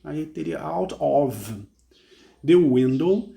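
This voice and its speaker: With a fairly high, warm voice marked by vocal fry and lively intonation, this Brazilian English teacher patiently walks through song lyrics. He has a Brazilian Portuguese accent, tacks "né?" onto phrases, and reads English lines slowly and with care.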